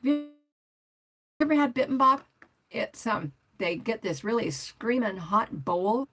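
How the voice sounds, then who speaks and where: A woman's voice: fairly low pitch, slightly rough. An older woman hosting a casual livestream, rambling and chatty as she reads out viewer comments and answers them. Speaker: motorcycle vlogger hosting a livestream.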